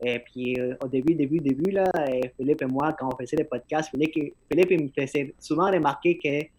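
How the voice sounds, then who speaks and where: This podcast host speaks in a somewhat high, darkish voice at a fairly quick clip. He has a non-native-sounding French accent and slightly slurred articulation, and he talks earnestly in casual conversation, often repeating words as he begins a thought.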